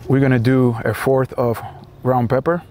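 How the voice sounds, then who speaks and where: A Puerto Rican man in his forties, with a Puerto Rican accent, walks through a recipe step by step on an outdoor patio beside a house, relaxed and full of fillers as he does a casual cooking demo. His mid-range voice is level, a little mellow and moderately paced. He wears a lapel mic, and there's a bit of hiss or hum.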